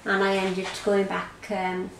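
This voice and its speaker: An Irish woman recounts her own experience in a conversational interview, often halting and repeating words. Her voice sits in a roomy, echoing space with a faint hiss underneath. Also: mid-range voice, monotone, creaky. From Ireland. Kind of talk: personal testimony in an interview. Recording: roomy echo, faint background noise.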